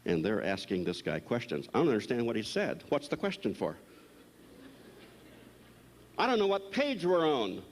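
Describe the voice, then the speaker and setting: A man, a psychologist, giving a blunt, animated storytelling lecture to a live audience. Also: mid-range voice, normal speed, pauses often. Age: older. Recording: long hall reverb, recorded live.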